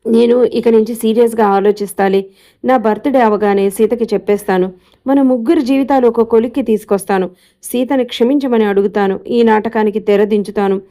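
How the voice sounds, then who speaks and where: A woman voicing a young husband in a storybook reading, asking his wife soft, concerned questions. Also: a little high, steady tone, fairly quick, lightly acted. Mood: earnest. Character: young husband, gentle and caring.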